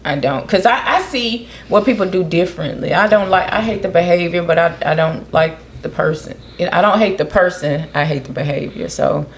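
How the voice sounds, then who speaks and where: A woman co-hosting a casual podcast chat, animated and questioning, speaking. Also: on the low side, brisk, vocal fry, few pauses, slight background noise. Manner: animated, questioning, often quotes others in a raised voice. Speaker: podcast co-host.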